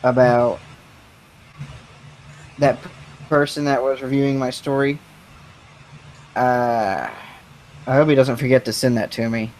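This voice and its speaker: A teenage man chatting casually over a voice call, his voice robotic and distorted, with deadpan quips. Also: medium pitch, unhurried, pauses often, a little hiss or hum. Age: late teens. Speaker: guest writer. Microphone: headset over voice call.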